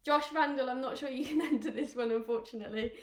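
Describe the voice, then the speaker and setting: A woman's voice: high-pitched, fast talker. Upbeat woman coaching kids, echoey room. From England. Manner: upbeat, encouraging, counts down aloud. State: out of breath at times. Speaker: children's rugby coach. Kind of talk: live online kids' exercise session.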